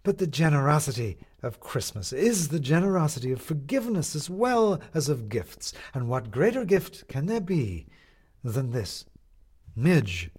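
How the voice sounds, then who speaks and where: A man reading a story, voicing a grandiose male showman who milks a crowd with drawn-out proclamations. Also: very animated, a little mellow, husky, heavily acted. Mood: theatrical. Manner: theatrical, booming, drawn-out proclamations.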